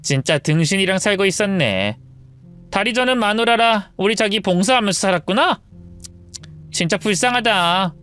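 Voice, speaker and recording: A woman's voice: mid-range voice, expressive, moderate pace, a bit bright, clear, resonant tone, faint music behind, voice pushed up, lightly acted. A woman voicing a spiteful young mistress who gloats and taunts. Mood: taunting.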